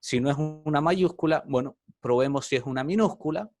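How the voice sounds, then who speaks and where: A man's voice: fairly high pitch, fairly quick. Man teaching a programming class. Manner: explains step by step, often checks in with "¿bien?".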